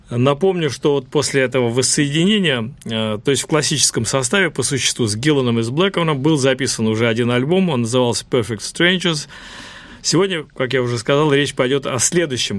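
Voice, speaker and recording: A man's voice: medium pitch, no echo. Man hosting a casual radio music show. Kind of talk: casual radio talk, chatty music presenting.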